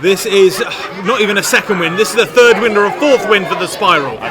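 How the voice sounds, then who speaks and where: A man giving excited, dramatic play-by-play wrestling commentary with emphatic calls of the action. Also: high voice, a little fast. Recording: loud crowd and venue noise. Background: loud live crowd.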